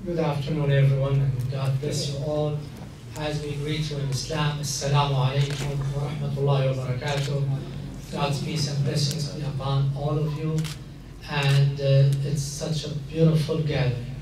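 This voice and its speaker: A man, an imam giving a measured, emphatic talk to a mixed audience at a stand mic. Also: medium pitch, flat delivery, noisy background. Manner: measured, emphatic, gesturing while speaking. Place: large hall indoors. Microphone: stand mic at a lectern. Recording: echoey hall, from a distance.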